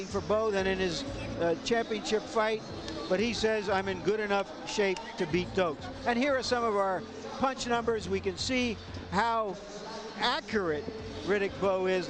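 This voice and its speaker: A man with a high voice offers colour commentary on a live boxing broadcast. His remarks are plain, short and declarative. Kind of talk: live sports analysis. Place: ringside in a large arena.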